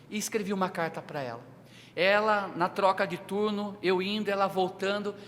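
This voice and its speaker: A man with a Brazilian Portuguese accent preaching a personal testimony sermon, his delivery emotional and dramatic, swinging from loud to hushed. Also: sits high, a little hiss or hum. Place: church sanctuary. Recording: reverberant church hall.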